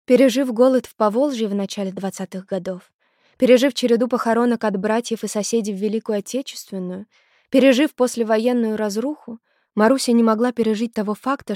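Female audiobook narrator, higher voice, measured storytelling, dry studio sound. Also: a little mellow, no echo. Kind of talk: scripted narration.

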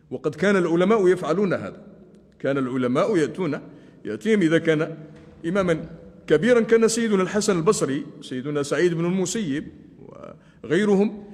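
A male Islamic scholar gives a religious lesson, speaking deliberately and slowing down to demonstrate chanted phrases. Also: sits high, darkish tone. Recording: long hall reverb.

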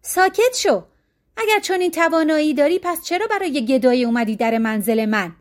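A woman reading a storybook, voicing an arrogant rich male chief minister who shouts and mocks. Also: high-pitched, lively intonation, voice pushed up. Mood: furious. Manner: shouting, mocking, boastful.

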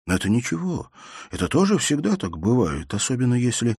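A man's voice: mid-range voice, very animated, brisk, a little mellow, breathy edge, no room sound, clean studio sound, pitched above the performer's own voice. A man reading an audiobook, voicing an earnest young man who reassures and insists anxiously. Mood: anxious reassuring. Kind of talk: audiobook character voice.

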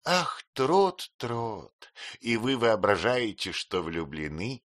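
A man reading an audiobook, voicing a blunt, fond elderly great-aunt who speaks in brisk exclamations. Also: on the low side, very animated, a bit bright, no echo, clean studio sound, voice pushed up, heavily acted. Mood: teasing. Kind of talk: audiobook character voice.

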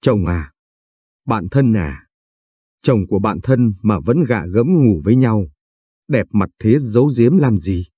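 A man's voice: fairly low pitch, expressive, unhurried, long pauses, breathy edge, no room sound. A man voicing a furious, heartbroken young wife who hurls accusations at her husband. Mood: enraged. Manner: shouting accusations.

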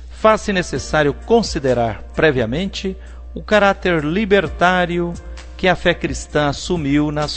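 Formal Brazilian man, slightly high voice. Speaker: religious radio host. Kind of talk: scripted religious reflection.

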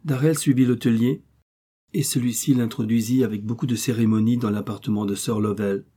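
Warm, husky male audiobook narrator. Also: mid-range voice, fairly even intonation, brisk. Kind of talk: scripted narration.

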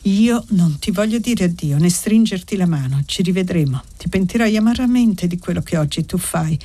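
A woman's voice: fairly low pitch, animated, normal speed, dark tone. A woman reading the part of an agitated young man who is proud and bitter, in an audiobook. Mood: bitter, wounded. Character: proud anguished young man refusing forgiveness.

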